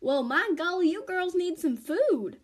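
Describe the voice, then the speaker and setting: A woman's voice: extremely high pitch, lively intonation, unhurried, pitched above the performer's own voice. A woman voicing a kind old lady from a homemade storybook, doting and fussy. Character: kind old lady living alone in woods.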